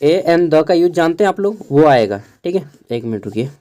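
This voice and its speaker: Young male tutor from Jharkhand, Khortha first language, somewhat high, mellow voice, patient casual lecture spelling words out. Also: animated. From Jharkhand, India. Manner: explains slowly, spells words out letter by letter; keeps checking in with listeners. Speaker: teacher. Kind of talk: casual exam-prep lecture.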